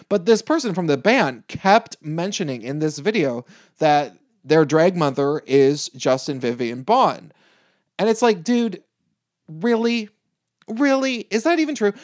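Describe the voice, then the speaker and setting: Sardonic, sweary ranter with a mid-pitched androgynous voice. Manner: sardonic, exasperated, blunt, sweary. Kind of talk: casual opinionated rant to viewers.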